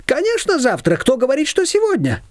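Storybook figure: man voicing a meddling, domineering neighbor lady, high, lively, pushy. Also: dry recording, clean studio sound, full character voice. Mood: bossy. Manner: pushy, scolding, rapid-fire demands. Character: bossy loud middle-aged female neighbor, matchmaking meddler.

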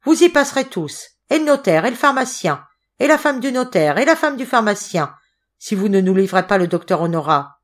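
A woman voicing a rough village bandit who threatens loudly and mockingly. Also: mid-range voice, very animated, normal speed, voice pushed up, close to an everyday voice. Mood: threatening.

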